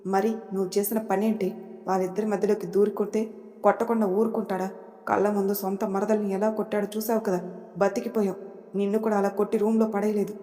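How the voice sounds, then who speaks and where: A woman voicing a sharp-tongued middle-aged mother and aunt who nags and scolds. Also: mid-range voice, level tone, fast talker, in a large hall, soft background music, lightly acted. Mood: scolding. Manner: scolding, nagging.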